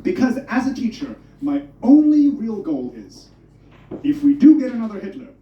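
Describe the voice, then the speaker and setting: A German comedian performs stand-up in a club, swearing energetically while poking fun at himself. He speaks at a moderate pace in a very high voice, captured far from the mic in an echoey room with the highs cut off.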